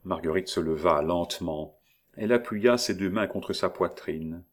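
A man narrating a novel in a steady, measured reading voice. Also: low-pitched. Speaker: audiobook narrator.

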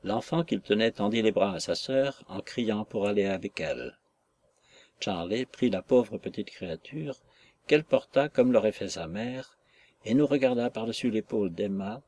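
A male audiobook narrator who reads in a measured, literary way. His voice is low and somewhat breathy, and it stays steady through long descriptive passages.

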